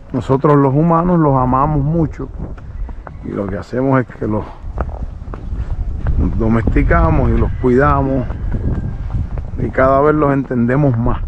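A male horse trainer outdoors on a road, explaining his method while calmly coaxing a young horse with short soothing commands. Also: fairly high pitch, dull audio, background noise.

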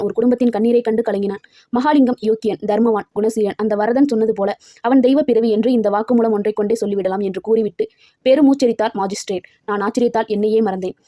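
A woman reading a story aloud as narrator, with a steady, expressive delivery. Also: fairly high pitch, dry recording.

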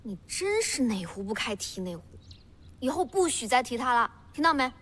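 A woman's voice: fairly high pitch, big pitch swings, moderate pace, fairly bright tone. An actress playing a young noblewoman in a costume drama, composed and firm, with a formal, admonishing way of talking. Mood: reproving.

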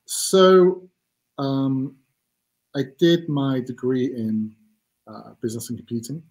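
A man's voice: medium pitch, expressive, slow, darkish tone, rough recording. A man in his forties from Manchester with a Mancunian accent, a company CEO talking in a casual, self-deprecating way with many fillers over a video call. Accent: Mancunian English. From England. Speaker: CEO guest. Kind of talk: casual interview. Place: home office room. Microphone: video call webcam.

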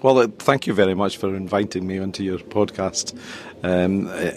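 A middle-aged Scottish man, chief executive of a tech company, guests on a casual podcast and explains things conversationally. His voice is deep and moderately paced, with a little hiss or hum on the recording.

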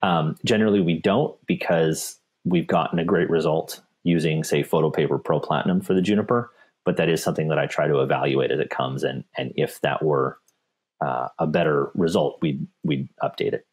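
Male tech specialist for a webinar Q&A, very low and husky, relaxed and full of restarts. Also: fairly quick. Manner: relaxed, with frequent repeats and restarts. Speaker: paper company technical specialist. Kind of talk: webinar Q&A, answering viewer questions.

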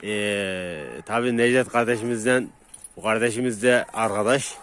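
A man vlogging to his viewers while walking dogs outdoors at night on a dark street, hesitating with drawn-out fillers and calming the dogs with repeated calls. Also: fairly low pitch, slight background noise. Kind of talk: casual vlog talk to viewers.

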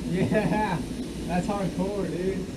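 A man's voice: high-pitched, steady tone, extremely slow, far from the mic. A young man exploring a cave with his brother, laid-back, giving short casual replies. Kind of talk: casual chat while caving. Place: inside a wet cave with a stream. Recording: roomy cave sound, off-mic, loud noise.

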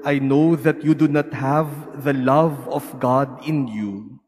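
Slow-reading priest in a cavernous cathedral echo. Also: male voice, medium pitch, darkish tone. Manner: measured, formal delivery with pauses. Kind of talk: solemn liturgical scripture reading. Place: large cathedral. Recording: cathedral echo, long reverb.

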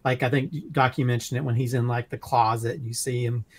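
A man's voice: mid-range voice, level tone, a little fast, slight background noise. A man on a film review panel, rambling with restarts and laughing asides. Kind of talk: casual podcast film discussion.

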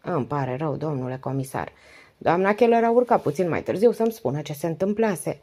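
A woman's voice: deep voice, lively intonation, warm tone, husky. A woman reading the part of a devoted, weary wife in her late forties who confides in long, flowing speech. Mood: confiding. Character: 48-year-old wife, talkative, devoted, weary.

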